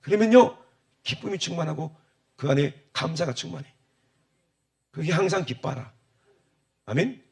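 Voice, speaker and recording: A male pastor preaching a sermon, firing rhetorical questions at the congregation and calling for amens, swinging from loud exclamations to low muttered asides. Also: lively intonation, normal speed, creaky, long pauses. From South Korea.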